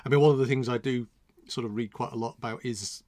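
Man, mid-pitched, from England, rambling casual chat, dry recording. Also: fairly even intonation, quick pace, mellow, dry recording. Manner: rambling, self-interrupting, chatty. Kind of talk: casual chat about old comedy.

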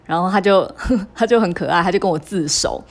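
A woman's voice: on the low side, fairly quick. A woman, telling a personal parenting story in a hesitant, confessional way, full of fillers and restarts. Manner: emotional and confessional, with laughs. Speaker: mother sharing a parenting story.

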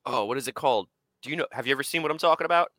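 A man chatting on a podcast in a bright, forceful voice. He rambles excitedly and laughs often. He sounds dry and close to the mic. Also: mid-range voice, rapid-fire, dry recording. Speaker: podcast co-host. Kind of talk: casual chat.

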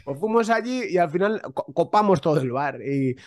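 A man co-hosting a podcast, telling anecdotes in animated, quick bursts. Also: fairly high pitch, no room sound, studio quality. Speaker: podcast co-host. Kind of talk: casual podcast storytelling.

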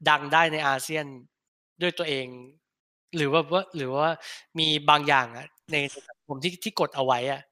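Man, podcast co-host, bright tense voice, dry close sound, blunt crude slang, halting restarts. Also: a little high, dry recording. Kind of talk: casual film chat.

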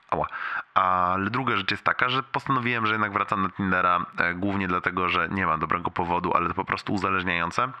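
Man leaving a voicemail while hurting: low, sharp-edged voice, wincing, swearing, rambling. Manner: rambling, swearing, laughing through pain. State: in pain, wincing between phrases.

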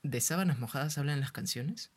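A man narrating as the writer of an audio story, calm and teasingly amused. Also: fairly high pitch, brisk, slightly rough.

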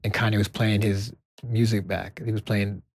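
A soft-spoken man from Brooklyn, a music executive guest, telling stories in an interview and acting out the dialogue. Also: lowish voice, moderate pace, husky, no room sound, clean studio sound. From Brooklyn, New York. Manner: animated storyteller acting out quoted dialogue. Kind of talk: storytelling interview answers.

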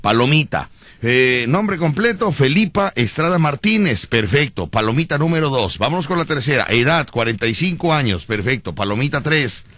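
A man's voice: mid-range voice, animated, normal speed, a bit bright, dry recording. A man, hosting a radio show with playful, teasing banter. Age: 40s. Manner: teasing, playful, laughing often. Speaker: radio host.

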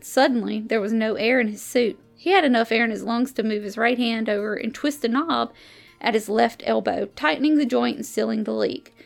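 A woman on the library staff reading a science fiction short story aloud, giving the characters lively voices in the dialogue. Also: on the high side, vocal fry.

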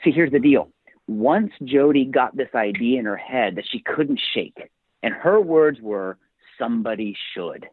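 A man's voice: mid-range voice, lively intonation, measured pace, slightly rough, dry recording. Male author guest, emphatic storyteller, tinny phone-line sound, dry. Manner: storytelling, emphatic, motivational speaker. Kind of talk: podcast interview.

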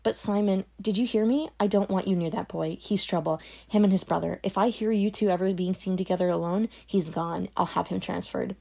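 A woman voicing a cold, controlling middle-aged mother in an audiobook, her words sharp and brittle. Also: medium pitch, steady tone, a little fast, vocal fry, hardly any pauses. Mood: low, menacing. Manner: sharp, brittle, dropping to a hiss. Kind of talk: audiobook character voice.

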